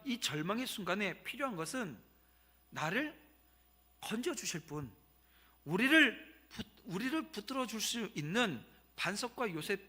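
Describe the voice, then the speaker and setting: A man's voice: sits high, sharp tone. A man in his fifties, a pastor delivering a Sunday sermon to his congregation, telling a story in a conversational way and turning to speak to the listeners. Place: church sanctuary.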